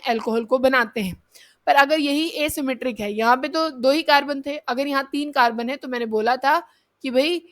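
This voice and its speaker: A woman's voice: high-pitched, a bit bright. A woman teaching an exam-prep chemistry lesson, explaining step by step and answering her own questions. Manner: explains step by step, keeps asking students questions and answering them herself; addresses students as kids, checks in with "theek hai".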